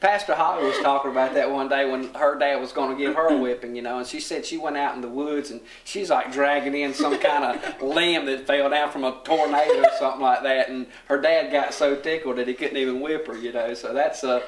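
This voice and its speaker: A man's voice: medium pitch, steady tone, fairly quick, few pauses. Southern American man in a roomy echo. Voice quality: slightly slurred R sounds. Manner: folksy, anecdotal, repeats himself. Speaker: talk show co-host. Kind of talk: casual religious talk. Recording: roomy echo, faint background noise.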